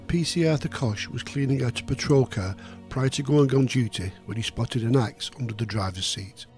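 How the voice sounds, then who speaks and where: A man giving scripted true crime narration in a sober, measured storytelling manner. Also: mid-range voice, a little mellow. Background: faint music.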